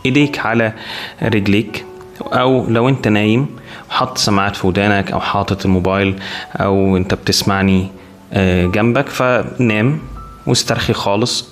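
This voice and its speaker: A man with an Egyptian accent guiding a meditation in a soothing, calm, unhurried manner, leaving long pauses between short instructions. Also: on the low side. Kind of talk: guided body scan meditation. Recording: music behind the voice. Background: clear background music.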